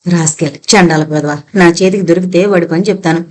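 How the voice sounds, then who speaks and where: A woman's voice: lowish voice, a little fast, natural voice. A woman voicing an irritable, harassed middle-aged father in an audiobook reading, grumbling angrily. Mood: angry. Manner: angry, grumbling.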